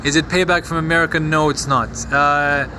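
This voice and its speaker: Outdoors at night in a city compound, a man uses his phone mic to livestream a fire and respond to viewers. The fairly high voice holds a steady tone, while his sombre answers stop and restart often amid the noise of the outdoor stream.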